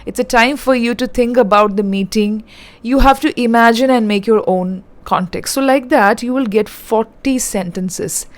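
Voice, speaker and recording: A woman's voice: on the high side, normal speed. A woman giving an online lesson in a direct, instructive, step-by-step manner. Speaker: English teacher.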